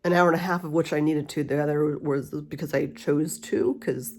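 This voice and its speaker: Talking at a normal speed in a low-pitched voice, this middle-aged vlogger chats casually, candidly and ramblingly, lisping slightly because of her retainer. Behind her, a cool mist humidifier hisses steadily and soft spa music plays faintly.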